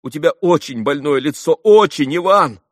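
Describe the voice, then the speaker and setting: A man reading an audiobook, voicing a gentle, earnest young man who speaks quietly and sincerely. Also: fairly high pitch, lively intonation, normal speed, no echo, clean studio sound, voice pushed up. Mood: concerned. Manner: quiet, soft-spoken.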